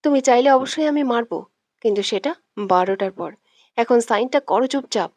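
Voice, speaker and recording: A woman's voice: fairly high pitch, moderate pace, darkish tone, no room sound, clean studio sound, natural voice. A woman voicing a domineering, hot-tempered young man who bosses and threatens in curt lines, in a read-aloud audio story. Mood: threatening.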